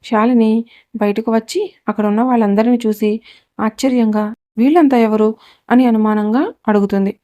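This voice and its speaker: A woman narrating a serialized family drama story in a steady, even reading voice. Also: on the high side, a little fast, no room sound.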